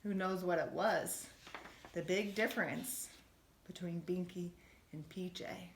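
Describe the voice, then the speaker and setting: Reading a bedtime story a little slowly, a schoolteacher with a slightly low, expressive voice pauses for asides to young listeners, gently asking them questions in a teacherly way. The space is roomy and echoing, with slight background noise.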